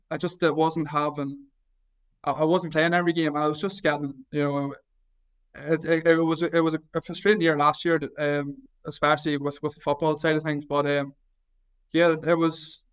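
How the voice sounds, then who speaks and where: A man in his twenties with a Northern Irish accent from County Down. His voice is smooth and a little high for a man, with a fairly flat melody. He talks casually as an athlete being interviewed, modest and hesitant, often restarting and repeating his words. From County Down, Northern Ireland. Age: 20s. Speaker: Gaelic football goalkeeper trying out as American football kicker.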